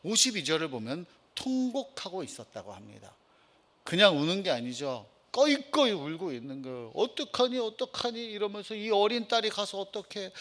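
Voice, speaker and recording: A male pastor preaching a sermon, swinging from emphatic rising lines to soft, hushed passages. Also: high-pitched.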